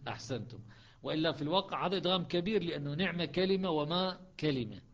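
A man teaching a lesson on Quranic readings, explaining step by step and slowing into chanted recitation. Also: fairly high pitch, expressive, dull audio.

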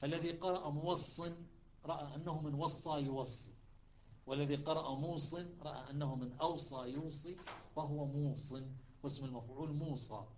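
A man's voice: fairly high pitch, fairly even intonation, a little fast, a little mellow, a little hiss or hum. A man teaching a classroom lesson on Quran recitations, explaining step by step, repeating words and checking that his students follow.

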